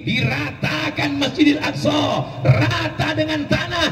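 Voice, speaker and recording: High-voiced man shouting at an outdoor rally. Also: slow. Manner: shouting, rhetorical questions, leads the crowd in repeating. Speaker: preacher addressing a rally. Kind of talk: fiery rally oration with call-and-response. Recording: echoey public address heard from far off.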